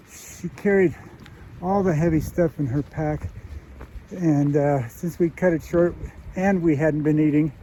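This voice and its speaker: Brief: unwell male hiker, slow, warm low tone, faint outdoor noise, filler-heavy outdoor vlog. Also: rough recording. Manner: halting, many "uh" fillers. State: ill and weak, emotional. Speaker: hiking vlogger. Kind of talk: casual trail vlog talk to camera. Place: outdoors on a mountain trail.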